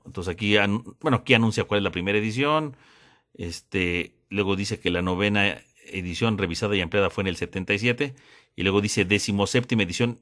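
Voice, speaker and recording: Low-voiced man explaining patiently. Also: a bit bright. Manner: explanatory, repeats points with tag questions. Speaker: theology teacher. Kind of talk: classroom lesson.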